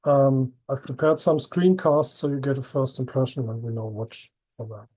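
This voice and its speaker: A man's voice: medium pitch, moderate pace, dark tone, husky, low-quality recording. A man presenting a new app at an online launch meeting, explaining steadily with frequent ums. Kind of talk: product presentation. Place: video call.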